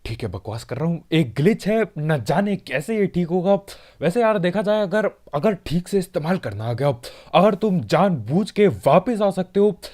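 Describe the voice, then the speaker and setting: A man gives a chatty gameplay commentary, joking and speaking straight to his viewers. His voice sits a little high, swings widely in pitch and has a mellow, soft tone. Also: animated, normal speed, hardly any pauses. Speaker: gaming channel host. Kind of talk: casual gameplay commentary voice-over.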